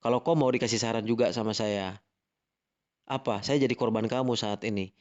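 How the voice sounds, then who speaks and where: Here an Indonesian-accented man is caught in a heated online voice chat argument on a live stream, lecturing angrily and saying "gitu loh" repeatedly. His lowish, darkish voice is fairly quick with fairly even intonation, and the sound is lo-fi.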